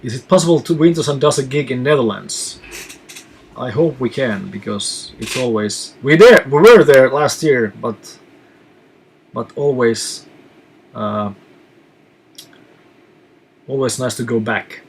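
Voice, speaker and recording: A man from Finland who reads out viewer questions and answers them in a relaxed live chat as a touring musician. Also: mid-range voice, measured pace, gravelly, long pauses, slight background noise.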